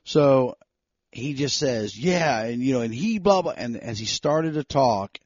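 Animated man telling a story. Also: mid-range voice, no room sound. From North Carolina. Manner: animated storytelling, quick bursts when heated. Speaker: podcast co-host. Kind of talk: casual chat. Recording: slightly dull dry sound.

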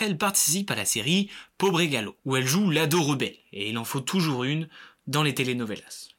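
A man's voice: medium pitch, pushed and bright. A man hosting a film segment, reading a scripted review with wry joking asides. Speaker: film critic host.

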